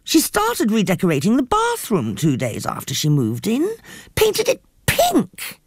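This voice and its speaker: A woman's voice: medium pitch, wildly swooping pitch, unhurried, husky, no room sound, clean studio sound, pitched above the performer's own voice, heavily acted. A woman reading an audiobook, voicing a flamboyant, self-pitying woman who gossips theatrically. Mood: rueful gossip. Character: flamboyant, rueful woman fleeing her own house. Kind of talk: audiobook character voice.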